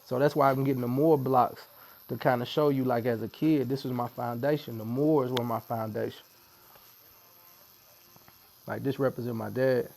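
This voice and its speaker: A man with a St. tells his story in a relaxed, chatty way. His voice has a gravelly edge, and he slips into the voices of the people he quotes. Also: medium pitch, moderate pace, long pauses, a little hiss or hum. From Missouri, USA. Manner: animated storyteller who acts out quotes. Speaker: podcast guest. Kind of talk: storytelling in casual conversation.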